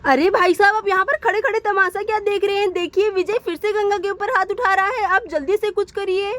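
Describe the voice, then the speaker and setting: A woman's voice: extremely high pitch, steady tone, a bit bright, no echo. A woman voicing a worried village woman urging others to act in a doll story. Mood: alarmed. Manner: worried, urgent, fast.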